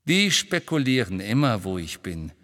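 A man reading an audiobook, voicing a restless grown man in hiding who reassures briskly with a bitter edge. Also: on the low side, very animated, fairly bright tone, big-room sound. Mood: tense, bitter.

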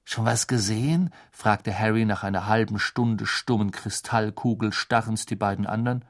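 A man reading a novel aloud as an audiobook narrator with expressive storytelling. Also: on the low side, moderate pace. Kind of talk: scripted narration.

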